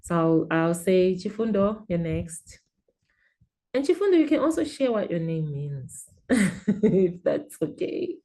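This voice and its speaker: Woman moderating a video call panel, lowish mellow voice, appreciative and thoughtful. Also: sing-song, takes it slowly. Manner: warm, appreciative, reflective.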